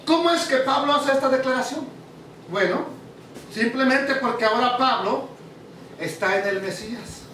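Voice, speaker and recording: A preacher with a strikingly high voice teaches his congregation, stopping often to ask them questions. He sounds far from the mic. The hall around him rings with heavy echo. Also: normal speed, bright, forceful tone, a little hiss or hum. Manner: asks the audience questions. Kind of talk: teaching sermon.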